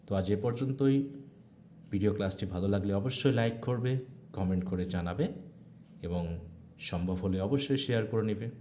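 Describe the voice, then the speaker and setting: A man's voice: lowish voice, a little fast, long pauses, mellow, echoey room, slight background noise. A man teaching a video class, lecturing with rising check questions and stretched emphasis on key terms. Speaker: English teacher.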